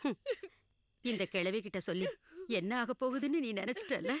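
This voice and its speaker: A woman's voice: a little high, lively intonation, moderate pace, close to an everyday voice. An actress playing an elderly grandmother who urges and protects her granddaughter in a film. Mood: urging, protective. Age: older. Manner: urging, tender yet commanding. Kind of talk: film dialogue. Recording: film soundtrack with loud music.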